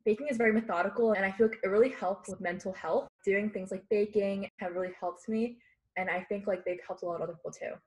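A woman's voice: mid-range voice, fast, rough recording. A teenage girl, a student baker, speaking earnestly in a casual interview. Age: teens.

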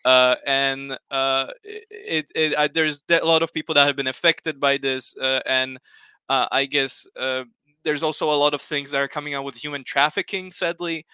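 Bright, crisp-voiced young Slovak man. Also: mid-range voice, fairly even intonation, normal speed, no room sound. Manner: hesitant, many fillers and restarts, earnest. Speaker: panel guest. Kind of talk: casual panel discussion. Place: home room. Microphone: headset.

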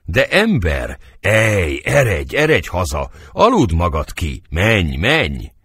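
A man's voice: sits low, huge pitch swings, husky, dry recording, studio quality, heavily acted. A man reading a cautious soothing nobleman. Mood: placating. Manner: hushed, placating warnings. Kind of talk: audiobook drama reading.

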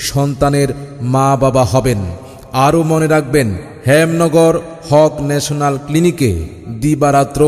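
A man chanting a clinic advertisement in a repetitive sing-song delivery, broadcast over an outdoor loudspeaker. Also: fairly high pitch. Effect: outdoor loudspeaker announcement. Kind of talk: chanted promotional announcement. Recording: long reverb with music behind.

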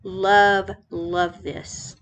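A woman's voice: medium pitch, level tone, very slow, a bit bright. A middle-aged woman from Texas, hosting a casual tour of a game island, gushing and repeating her praise.

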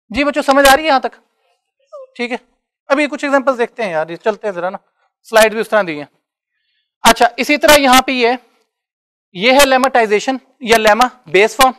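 A man's voice: high voice, a bit bright, clear, resonant tone. Male lecturer, chatty classroom teaching. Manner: conversational, checks understanding often. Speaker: university lecturer. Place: classroom with students.

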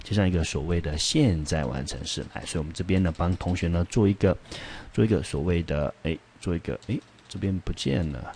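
A man's voice: low-pitched, fairly quick, creaky, a little mellow, slight background noise. A male English teacher gives a vocabulary lesson, patiently explaining and asking the class rhetorical questions as he reads English example sentences.

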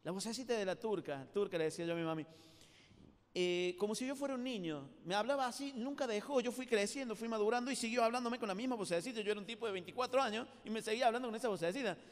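A fast-talking man with a high voice and an Argentine Spanish accent preaches a live sermon in a large hall at a youth congress. He tells stories in a chatty, colloquial style and speaks straight to the audience, and the recording carries the hall's reverberation.

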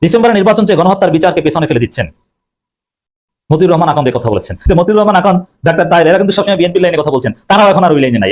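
A man giving emphatic, combative political commentary, repeating his points with fillers and self-corrections. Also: a little high.

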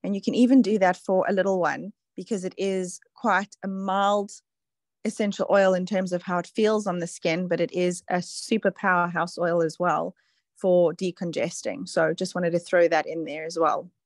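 A woman's voice: lowish voice, steady tone, moderate pace, dry recording. Chatty woman, dry sound. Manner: chatty, explanatory, many fillers. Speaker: presenter on a product call. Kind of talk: casual online call.

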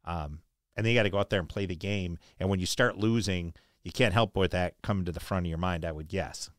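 Very low-voiced man hosting a chat. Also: brisk, no room sound, studio quality. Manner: conversational, rambling questions with fillers. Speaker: interview host. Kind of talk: casual interview.

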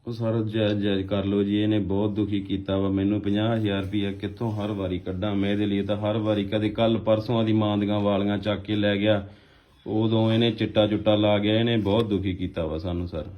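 A man's voice: fairly low pitch, little pitch movement, a little fast. A man playing a fed-up father on a prank phone call, complaining and rambling as he talks.

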